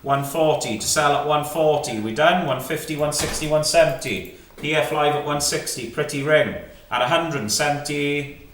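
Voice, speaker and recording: A bright, forceful male auctioneer with a slightly raised pitch calls a live sale. He fires off clipped, repeated bid figures and brief prompts to the room. The sound is roomy and picked up from some distance. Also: normal speed. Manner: clipped, repetitive number calling with short prompting questions. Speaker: fine art auctioneer. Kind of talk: live auction calling, rapid chanted bids and lot descriptions. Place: indoor auction saleroom. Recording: echoey saleroom, distant mic, faint noise.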